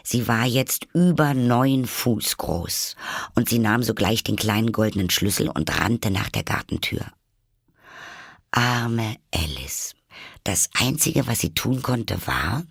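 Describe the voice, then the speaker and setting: A man narrating a classic children's story in a measured storytelling manner. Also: on the low side, gravelly, slightly rough, dry recording, clean studio sound. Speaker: audiobook narrator.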